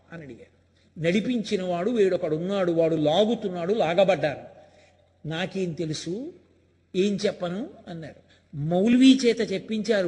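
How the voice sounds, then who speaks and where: A man's voice: high voice, in a large hall. An older man giving a spiritual discourse, telling stories and pressing home his points with emphatic rhetorical questions. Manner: storytelling, emphatic and rhetorical, acting out quoted lines. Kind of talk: Telugu religious discourse.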